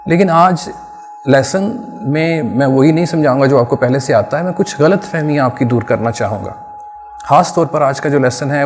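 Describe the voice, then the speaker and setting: A man's voice: medium pitch, a little mellow, big-room sound. A man from Pakistan teaching English grammar to children in Urdu, explaining earnestly and repeating points in a teacherly way.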